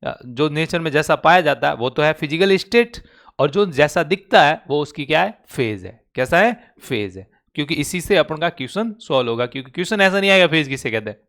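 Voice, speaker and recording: A man with a slightly high, somewhat bright voice teaches chemistry in Hindi, his Rajasthani accent evident. This classroom lecture is an online class recording, and he constantly quizzes students with call-and-response questions.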